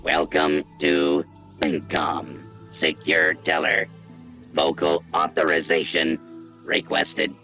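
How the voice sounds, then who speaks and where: A man voicing a bank's automated computer teller, speaking in flat, clipped announcements. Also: a bass voice, slow, creaky, muffled recording, soft background music, full character voice. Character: male bank computer teller voice.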